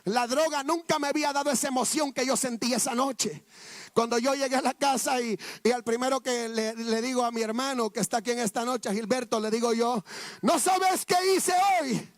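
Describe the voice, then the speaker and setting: A man's voice: extremely high pitch, steady tone, brisk, no echo. A man preaching a sermon testimony, fervent and repetitive, often calling out to his listeners as brothers.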